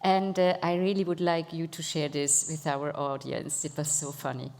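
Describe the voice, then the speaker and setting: A woman's voice: deep voice, level tone, normal speed, creaky, darkish tone. A woman moderating an on-stage conversation, thanking the speaker and asking him questions. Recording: distant mic in a reverberant hall.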